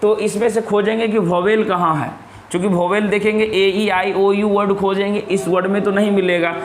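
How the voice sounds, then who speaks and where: Young adult male teacher, patient and repetitive; fairly high voice, roomy echo. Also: flat delivery, moderate pace. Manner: repeats key words and asks rhetorical questions. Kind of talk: classroom-style explanation. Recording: echoey room with faint noise.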